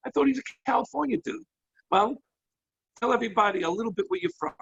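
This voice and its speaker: A man hosting as a rabbi over a video call, effusive and excitable, jumping between thoughts. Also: extremely high pitch, quick pace, husky. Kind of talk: enthusiastic hosting. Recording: muffled lo-fi online call audio.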